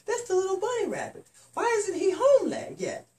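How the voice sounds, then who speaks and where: Storybook superhero, played by a man, high, exclamatory and full of concern, off-mic. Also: wildly swooping pitch, moderate pace, darkish tone, echoey room, recorded from a distance, slight background noise, full character voice. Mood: puzzled, concerned. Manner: exclamatory, apologetic. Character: Spider-Man, earnest, concerned male superhero rescuer.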